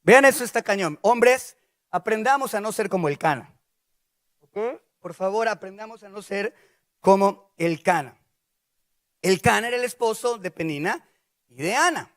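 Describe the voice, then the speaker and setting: A man preaching a sermon, lively and animated, with playful asides to the congregation. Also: high-pitched, normal speed, long pauses.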